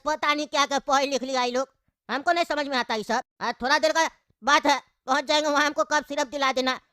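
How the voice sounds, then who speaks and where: A cranky old father with a chest cold, as a woman voices him in a cartoon, rambling his complaints in a high, quick, bright voice. The recording is close and dry. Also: dry recording. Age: older. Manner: grumbling, coughs, rambling complaints. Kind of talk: cartoon voice acting.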